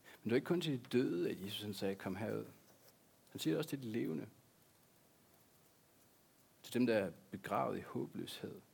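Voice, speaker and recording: Gravelly-voiced man preaching earnestly. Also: mid-range voice, animated, long pauses, darkish tone. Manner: earnest, repeats key words for emphasis. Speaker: pastor. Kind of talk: sermon.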